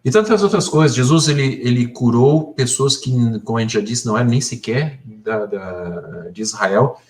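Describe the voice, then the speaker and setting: A man's voice: mid-range voice, lively intonation, moderate pace. A man with a Brazilian Portuguese accent co-hosting a casual Bible discussion, explaining the stories and closing the episode. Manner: explanatory, wraps up and signs off the episode. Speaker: co-host.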